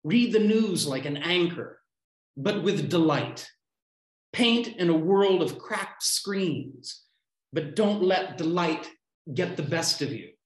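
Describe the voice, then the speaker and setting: A poet in his 50s reads his own work over a video call, declaiming short, unconnected lines with deliberate pauses between them. His voice is a little high and expressive. Picked up by a computer mic in a small room at home, it sounds roomy and echoey.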